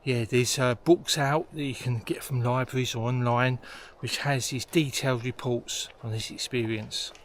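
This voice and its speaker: A man's voice: medium pitch, fairly even intonation, normal speed, few pauses. A man hosting a vlog and explaining things as he goes, recorded outdoors in a forest. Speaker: host. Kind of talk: explanatory vlog narration on location. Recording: noisy outdoor location sound.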